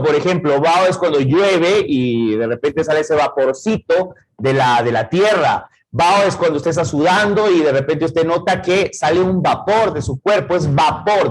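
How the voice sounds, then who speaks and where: A man's voice: fairly high pitch, expressive, measured pace, few pauses, low-quality recording. A middle-aged man with an Ecuadorian accent teaching a verbal reasoning lesson, explaining words step by step and checking in with rhetorical questions. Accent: Ecuadorian Spanish.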